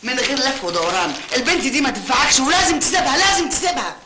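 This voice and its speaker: A woman's voice: high-pitched, lively intonation, very fast, reverberant, very noisy. An actress playing a stern, disapproving mother with an Egyptian accent, scolding and commanding. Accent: Egyptian Arabic.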